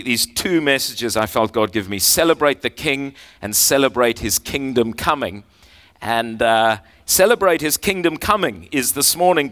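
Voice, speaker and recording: A man preaching a sermon as pastor, earnest and halting with frequent fillers, reading scripture aloud with slow emphasis. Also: mid-range voice, fairly bright tone.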